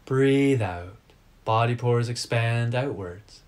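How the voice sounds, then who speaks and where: In a medium-pitched voice, a man teaches a guided meditation. He gives calm, deliberate instructions broken into short, measured phrases.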